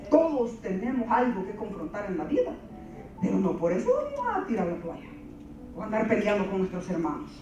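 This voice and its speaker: A woman's voice: fairly high pitch, recorded from a distance. A woman preacher delivering an impassioned sermon, pleading with God in emphatic questions. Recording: echoey hall from afar, dull sound, faint music.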